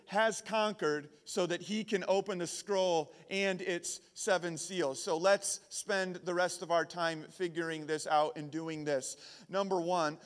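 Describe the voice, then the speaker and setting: A man giving a casual youth sermon, often repeating words as he builds his points. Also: high-pitched. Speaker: camp speaker. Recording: long hall reverb.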